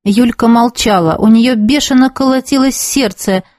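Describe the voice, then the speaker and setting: A woman reading a novel aloud as narrator, with a steady storytelling delivery. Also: fairly high pitch, normal speed, no room sound, studio quality. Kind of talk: scripted audiobook narration.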